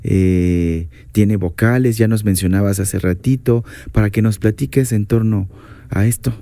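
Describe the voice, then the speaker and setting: A woman's voice: extremely low pitch, a little slow, dark tone, no echo. A woman hosting a radio interview, attentive and repeating her guest's words back. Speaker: radio host.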